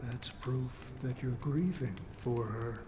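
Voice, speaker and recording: Very slow, wry male wanderer, acted by a man. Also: medium pitch, noisy background, close to an everyday voice. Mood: gentle, probing. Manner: unhurried, halting, musing, wry. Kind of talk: dramatic video game dialogue. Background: music.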